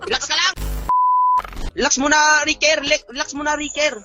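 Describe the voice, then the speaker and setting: A young man shouting constant curses and insults at his opponent while playing a game. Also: extremely high pitch, flat delivery, normal speed, dull audio. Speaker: gamer trash-talking an opponent. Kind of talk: heated gaming banter. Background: game music.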